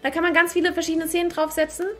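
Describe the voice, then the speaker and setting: A woman's voice: very high-pitched, monotone, racing, a bit bright. A young woman streamer chatting casually on a livestream at a desk microphone, overwhelmed and giddy, laughing and squealing often. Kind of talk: excited livestream unboxing chat.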